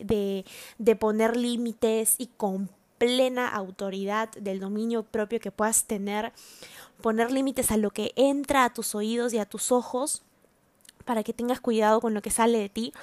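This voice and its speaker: A woman preaching to a group of women in an earnest, exhorting tone. Her voice sits somewhat high, and she presses her points by repeating them. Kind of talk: sermon.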